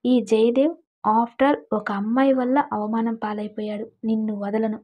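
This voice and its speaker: A woman's voice: a little high, level tone, normal speed, close to an everyday voice. A woman voicing a bitter, jilted young man in a storybook romance, talking in a threatening way, on a dull lo-fi recording.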